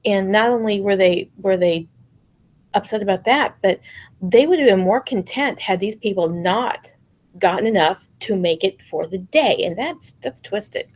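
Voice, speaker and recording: A woman co-hosting a casual chat with her husband, sounding tired and talking softly and hesitantly. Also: mid-range voice, unhurried. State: tired, yawning. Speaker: podcast co-host, wife.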